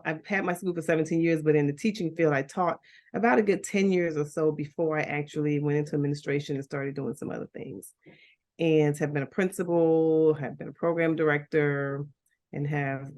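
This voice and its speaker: Speaking in a low, slightly mellow voice, a school founder from Liberia in middle age tells her life story during a relaxed guest chat, often laughing and starting sentences over.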